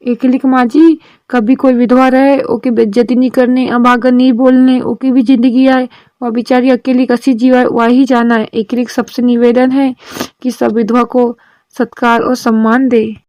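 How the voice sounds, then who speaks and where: A woman's voice: a little high, flat delivery, moderate pace, darkish tone, dry recording, highs cut off, close to an everyday voice. A woman voicing a sensible young daughter-in-law in a cartoon drama, lecturing and persuading her mother-in-law. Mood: preachy.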